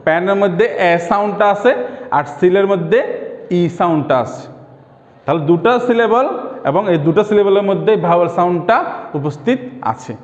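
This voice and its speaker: A man teaching an online English lesson for primary school pupils, explaining patiently and sounding out example words slowly, syllable by syllable. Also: high-pitched. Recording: echoey room, dull lo-fi sound.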